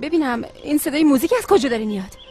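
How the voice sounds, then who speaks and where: A woman dubbing a hot-tempered, sharp-tongued young woman in a TV comedy drama, irritable and snappy. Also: high-pitched, lively intonation, soft background music. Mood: angry.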